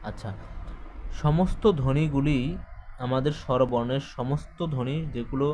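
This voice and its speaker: A man's voice: medium pitch, steady tone, moderate pace, mellow. A male teacher giving an exam-prep grammar lecture, explaining step by step, repeating points and quizzing his listeners with questions.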